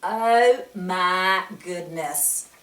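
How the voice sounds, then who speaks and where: Her voice is fairly low and a bit bright, and she reads very slowly, bringing a picture book to life for young kids with exclamations and repeated questions aimed at them. A faint hiss or hum sits under the audio, captured by a far-off microphone in an echoey space.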